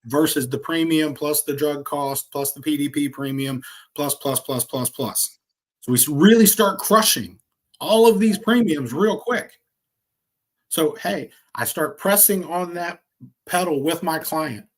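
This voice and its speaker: A man demonstrating insurance quoting software on a screen share, talking in an energetic, salesy way with quick asides. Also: fairly high pitch. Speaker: insurance agent trainer.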